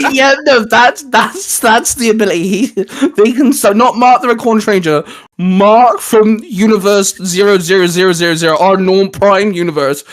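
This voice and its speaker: An English man who hosts a fan discussion channel leads a casual, geeky chat among friends, explaining things hesitantly and at rambling length. His voice is high-pitched, and he speaks at a moderate pace.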